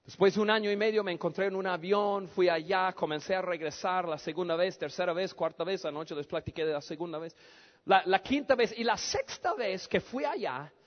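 A Mexican man with a Mexican accent, a missionary preacher telling a story in an animated sermon that breaks into shouts. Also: high voice, a little fast. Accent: Mexican Spanish. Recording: dull lo-fi recording.

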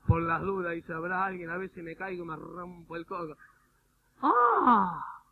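A man preaching a sermon with an Argentine accent, animated and humorous, often mimicking people in little quoted bits. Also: fairly high pitch, brisk, vocal fry. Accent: Argentine Spanish. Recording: phone-like radio broadcast with faint noise.

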